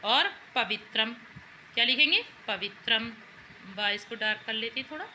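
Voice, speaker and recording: Her voice is a little high, animated, and sharp, at a moderate pace, as she patiently goes through Sanskrit worksheet answers with her students. She repeats things and frequently quizzes the class in return. There's a bit of hiss or hum, and the recording is rough.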